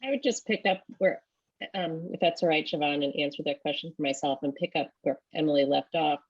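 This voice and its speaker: Woman company leader with a low voice, speaking thoughtfully on a panel; muffled, dry recording. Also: fairly quick, husky, no echo. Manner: thoughtful, rephrasing often. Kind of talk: panel discussion answers.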